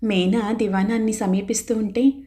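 Mellow-voiced woman reading a novel. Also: mid-range voice, moderate pace. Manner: steady storytelling, voicing characters' lines. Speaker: audiobook narrator. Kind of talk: scripted novel narration.

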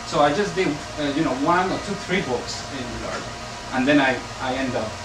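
Answering a panel question in front of an audience in a gallery bookshop room, this man halts often, restarting and using fillers, though his fairly high voice stays animated. Music plays in the background. Recorded by a distant camera, the echoey room carries a loud air conditioning hum.

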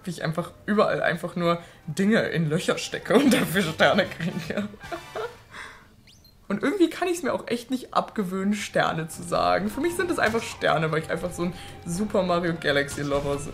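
A young woman hosting a let's play, chatting excitably with frequent swearing and sudden shrieks. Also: on the low side, moderate pace. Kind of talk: casual gameplay commentary. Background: faint game music.

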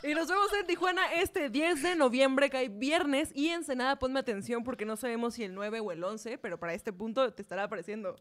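A woman's voice: high-pitched, fairly quick, few pauses, slight background noise. A woman with a Mexican accent co-hosting a comedy podcast, telling self-deprecating stories. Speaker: podcast co-host, stand-up comedian. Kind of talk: casual chat.

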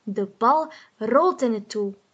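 Woman reading a children's story, very slow, clear, fairly high voice. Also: lively intonation, a bit bright, dull audio.

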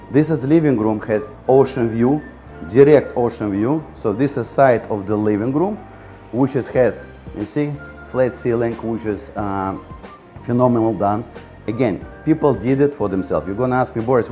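Touring a bright condo and its ocean-facing balcony, a chatty real estate agent speaks in a mellow, medium-pitched voice. His walk-through is full of repeated "guys" and "again," and his grammar is non-native.

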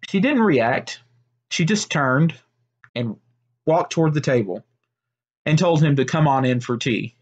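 A man narrating a made-up story in a steady, unhurried way, with small slips and restarts. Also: fairly high pitch, husky, muffled recording.

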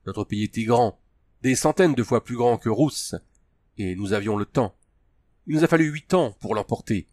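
A man's voice: medium pitch, expressive, normal speed, a little mellow, no echo, natural voice. A man reading the lines of a principled male army colonel in an audiobook, with firm, earnest delivery. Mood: urgent.

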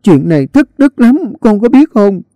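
A man voicing a brash, spiteful middle-aged woman who wails and accuses in a high, shrill voice. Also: big pitch swings, normal speed, mellow, no room sound. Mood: wailing.

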